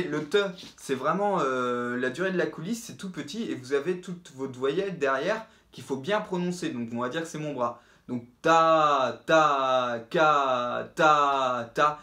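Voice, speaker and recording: Trombone teacher with a roomy echo. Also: male voice, fairly high pitch. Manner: demonstrates articulation syllables aloud, relaxed and explanatory. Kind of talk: instructional video lesson.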